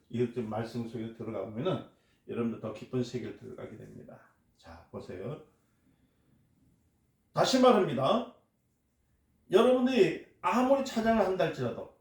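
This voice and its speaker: A man's voice: mid-range voice, a little mellow. A man preaching a sermon as a pastor, stressing points and asking his congregation questions. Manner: emphatic, asks the congregation questions and answers them. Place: church hall. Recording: echoey church hall.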